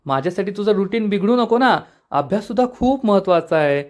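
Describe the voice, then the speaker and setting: A man's voice: sits high, expressive, a little fast, darkish tone, voice pushed up. A man voicing an anxious young woman who keeps refusing company, reading her lines in a recap. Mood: pleading. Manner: pleading, repeated refusals.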